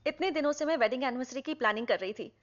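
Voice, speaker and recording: A woman's voice: sits high, rapid-fire, noisy background, close to an everyday voice. A woman dubbing an exasperated wife. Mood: annoyed. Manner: complaining, exasperated. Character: house-proud wife, upset and sharp. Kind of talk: Hindi film dub. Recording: dull film dub with music.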